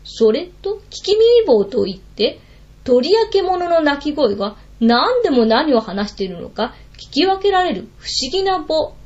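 A woman's voice: high-pitched, very animated, unhurried, a little mellow, muffled recording, voice pushed up. A woman voicing a chatty young companion who explains things in a folk tale. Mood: explaining. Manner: explaining, friendly.

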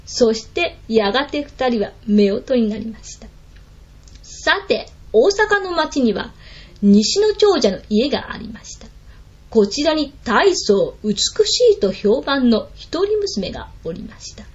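A woman narrating a folk tale in an animated, dramatic storytelling manner. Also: on the high side, slow, breathy edge. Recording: lo-fi recording.

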